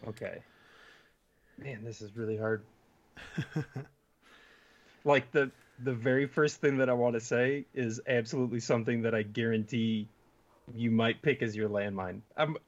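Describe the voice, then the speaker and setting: A man's voice: medium pitch, steady tone, normal speed, long pauses, dull audio. A man playing a movie trivia game, hesitant and thinking aloud in casual chat. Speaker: game player.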